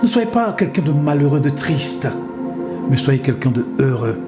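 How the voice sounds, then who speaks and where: A man's voice: on the high side, very animated, moderate pace. A man in his fifties, a pastor, giving an emphatic, repetitive sermon full of amens and hallelujahs. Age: 50s. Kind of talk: exhorting sermon talk with his wife. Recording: music playing underneath.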